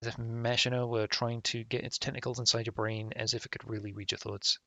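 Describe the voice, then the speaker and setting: A man's mid-range voice comes through bright and forceful, with vocal fry, a level tone, a brisk pace and no room sound. He's live-streaming a game, reading its text aloud over game music and adding casual, profane asides.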